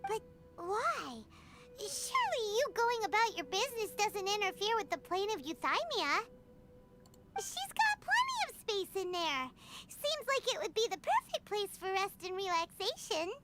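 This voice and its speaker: A woman's voice: big pitch swings, measured pace, exaggerated voice. A woman voicing a tiny chatty fairy companion who sounds like a child and calls herself by name, with game music behind. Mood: puzzled. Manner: high squeaky chatter, talks of herself by name.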